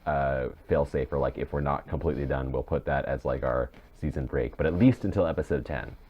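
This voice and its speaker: This man's pitch is extremely low and his delivery brisk. He co-hosts a podcast and makes audio dramas, chatting casually with plenty of rambling and rephrasing. The audio comes through a muffled, dull mic with distinct noise.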